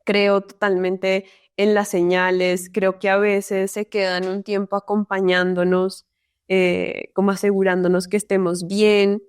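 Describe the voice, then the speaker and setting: A Colombian woman talks as a guest in a relaxed interview, thoughtful and unhurried in her phrasing. Her voice is smooth and clear at a middle pitch, and the sound is dry and close with no room around it. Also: no echo. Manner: reflective, tags sentences with "¿no?". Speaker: psychologist guest. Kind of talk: casual interview conversation.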